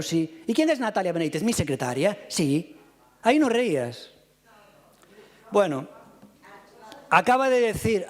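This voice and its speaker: Combative high-voiced man. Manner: combative, rapid rebuttals, addresses opponents directly. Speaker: mayor answering in a council session. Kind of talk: heated council debate reply. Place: city council chamber. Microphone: fixed podium microphone.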